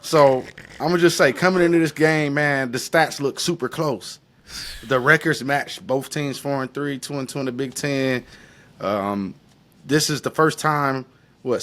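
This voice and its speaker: A man's voice: mid-range voice, normal speed, a bit bright. A man co-hosting a sports podcast, talking in a laid-back, casual way and egging on his partner. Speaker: podcast co-host.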